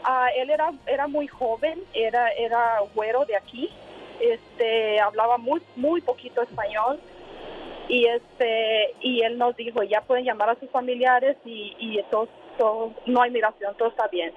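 Phoning in while riding in a moving car, a Honduran caller shares a personal story, hesitating often with fillers. She speaks unhurriedly in a steady, slightly high voice, over a tinny line with a little hiss or hum.

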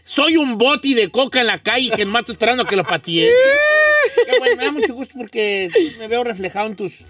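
A man's voice: extremely high pitch, sing-song, a little fast, far from the mic, over a noisy crowd. A man playing a teasing old Mexican rancher who hosts a radio talk show, joking in slangy Mexican Spanish. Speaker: radio host.

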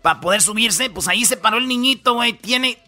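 A man's voice: sits high, lively intonation, fairly quick, pushed and bright. A man with a Mexican accent hosting a radio comedy show, telling news stories in casual slangy banter full of fillers. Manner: slangy, storytelling, lots of fillers.

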